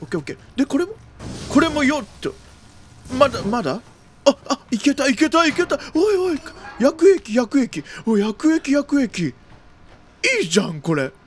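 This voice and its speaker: In a horror game let's-play, a video game streamer reacts jumpily, often repeating exclamations fast and using phrases you'd expect from an old man. His voice is very high and a bit bright, with a little hiss or hum in the audio.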